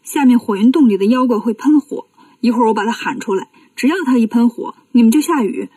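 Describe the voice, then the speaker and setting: A woman's voice: a little high, fast, dark tone, husky, no room sound, distant mic. A woman voicing a brash, brave male monkey king hero in a children's storybook reading. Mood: urgent.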